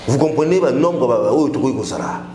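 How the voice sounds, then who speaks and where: A man's voice: mid-range voice, lively intonation, fairly quick, dark tone, slight background noise. Emphatic man, echoey room. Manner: emphatic, mixes French and Lingala. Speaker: political guest. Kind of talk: political talk show discussion.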